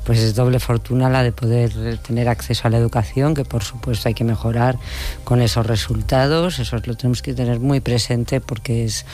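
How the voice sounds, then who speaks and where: Madrid guy on the radio panel, flat even voice, rambles. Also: mid-range voice, brisk, faint music behind. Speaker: commentator.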